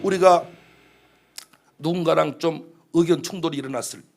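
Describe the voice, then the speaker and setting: A male pastor giving a sermon in church, animated and full of humor. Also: a little high, moderate pace, vocal fry, faint music behind.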